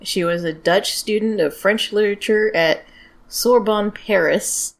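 A woman's voice: mid-range voice, normal speed. A woman with a general American accent hosting a podcast, telling true-crime stories in a blunt, informal, sweary way. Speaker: podcast host. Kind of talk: casual true-crime storytelling.

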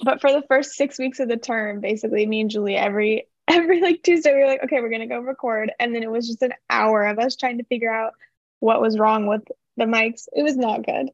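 A bubbly young woman in her twenties co-hosts a student podcast with a slightly high, spontaneous delivery. The recording is dull and dry, with almost no room sound. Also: quick pace, dry recording. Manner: bubbly, spontaneous, uses "like" often. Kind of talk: casual chat.

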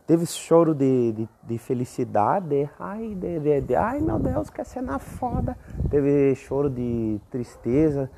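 A young man hosting a casual rambling monologue, profane and self-mocking, often breaking into high squeaky exclamations. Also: very animated, slow, vocal fry, mellow, slight background noise. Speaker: podcast host.

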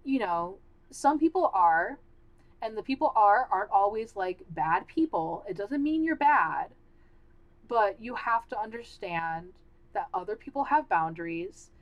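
A woman's voice: mid-range voice, lo-fi sound. Rambling, candid woman podcaster. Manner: candid, rambling, many fillers and restarts. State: losing her voice. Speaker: podcast host. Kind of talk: casual solo podcast talk.

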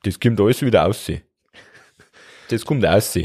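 A man voicing a gruff, scolding male stomach with a Bavarian accent. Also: lowish voice, unhurried, a little mellow, dry recording, studio quality. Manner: scolding, blunt.

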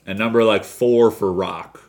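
A man co-hosting a podcast, chatting casually about pro wrestling in an animated, rambling way with the odd swear. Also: on the low side, a little slow. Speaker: podcast co-host.

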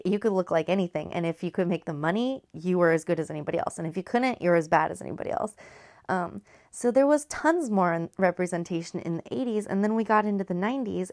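A woman's voice: lowish voice, a little mellow, no room sound, studio quality. A woman in her thirties chatting casually as a podcast host and recapping a movie, talking in a chatty, profane way with lots of filler words. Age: 30s.

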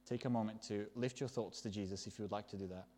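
A man preaching a sermon, stressing words loudly and dropping to soft, hushed endings. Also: fairly low pitch, steady tone, fast talker, a little hiss or hum.

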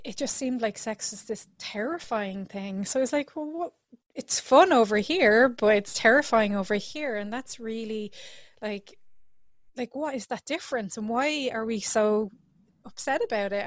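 A woman's voice: medium pitch, no room sound. Woman chatting on a podcast, laughs a lot, lots of likes and ums, dry sound. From Ireland. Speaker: podcast guest, sex researcher. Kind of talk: casual interview chat.

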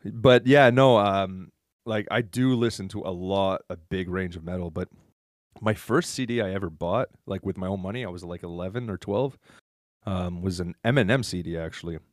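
A man's voice: sits low, normal speed, dry recording, clean studio sound. A man with a Canadian accent, chatting casually as a podcast co-host, laid-back and swearing freely. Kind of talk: casual chat. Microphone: voice chat headset.

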